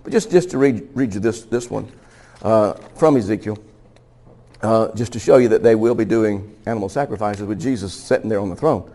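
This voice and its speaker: A man's voice: lowish voice, normal speed, warm tone. A man preaching a Bible teaching sermon in a conversational way. He laughs now and then and often stumbles and restarts his sentences. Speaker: pastor.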